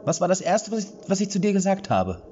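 A man voicing a fierce young woman warrior who shouts threats in panic. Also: high voice, very animated, fast, dull audio, slight background noise, voice pushed up. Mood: panicky.

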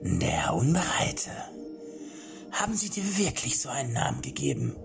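A man voicing a deranged old male king in an audiobook, with a high, shrill, old-sounding voice that drops into manic whispers. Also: huge pitch swings, moderate pace. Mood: deranged glee. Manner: manic, sing-song, sudden whispers and shrieks. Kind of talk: audiobook character voice. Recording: clear background music.

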